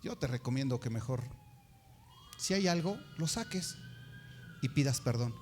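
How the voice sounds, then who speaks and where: A man's voice: medium pitch, lively intonation, moderate pace, a little mellow, a little hiss or hum. A man preaching a sermon, telling a personal story and acting out the voices of the people he quotes.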